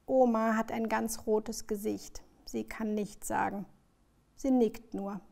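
Expressive woman reading a children's book. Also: a little high, takes it slowly, creaky. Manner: lively, expressive storyteller. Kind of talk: scripted storybook reading aloud.

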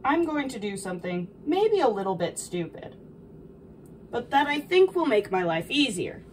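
A woman's voice: on the high side, sing-song, moderate pace. A young woman playing a sweet, cheerful video game princess, explaining baking in a dainty, encouraging, instructive way. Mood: thoughtful, instructive. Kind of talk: in-character cooking tutorial. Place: small home kitchen, indoors. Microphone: camera a few feet away. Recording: distant mic, noticeable background noise.

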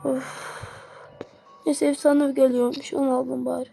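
A woman giving excitable live gameplay commentary, pleading and yelling at the game. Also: sits high, measured pace, gravelly, faint music behind. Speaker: gamer.

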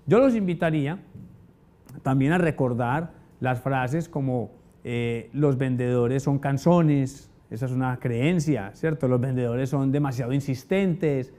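A man's voice: mid-range voice, unhurried. A man teaching a motivational sales lesson to an audience, telling stories and asking rhetorical questions. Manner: animated storyteller, asks rhetorical questions. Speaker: sales trainer.

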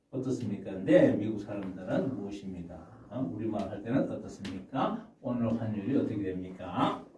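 A man teaching English phrases to older learners, saying them slowly and then explaining them. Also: medium pitch, dark tone, slight background noise. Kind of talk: slow classroom lesson. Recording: muffled, echoey from far off.

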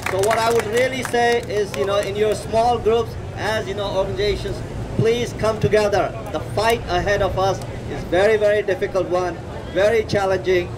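A middle-aged activist with a Nepali accent gives an earnest political speech at a rally, emphatic and deliberate, repeating words for stress, in a high, steady voice. He speaks into a podium microphone in an outdoor city plaza at night, with passing traffic and urban street noise behind him.

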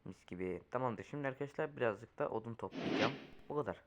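A man's voice: mid-range voice, lively intonation, quick pace, muffled recording. A young man giving casual, chatty gameplay commentary, talking to viewers as he plays. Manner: chatty, talks to viewers while playing, panics at danger. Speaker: gaming YouTuber. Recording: loud background noise.

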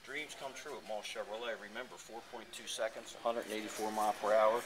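Low-voiced salesman pitching a sports car. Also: fairly even intonation, fast talker, a crowd in the background. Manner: enthusiastic, reciting specs. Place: car showroom. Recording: noisy showroom ambience.

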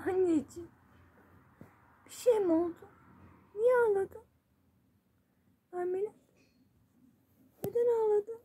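A woman's voice: extremely high pitch, takes it slowly, pauses often, mellow. A woman with a Turkish accent coaxing and soothing her cat in doting baby talk, repeating pet names. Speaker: cat owner.

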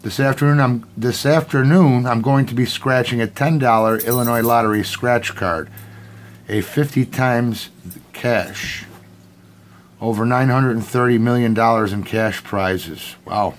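A middle-aged American man giving casual, halting commentary to camera in short phrases, recorded at home. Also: mid-range voice, fairly even intonation. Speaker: vlogger. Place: indoors at home, at a tiled table. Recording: clearly noisy home recording. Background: noise and scratching sounds.

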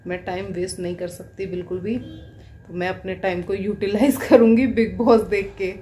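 A woman's voice: medium pitch, steady tone, normal speed, warm tone, husky. A woman vlogging casually from her home kitchen, a chatty mother who laughs often and coos playfully at her kids. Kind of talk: casual home vlog chat.

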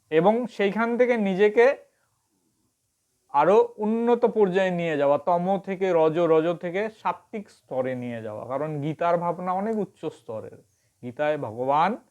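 A man giving an earnest, measured devotional talk on scripture, teaching its verses. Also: sits high, a little mellow. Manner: earnest, measured, ends in chanting. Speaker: Gita teacher.

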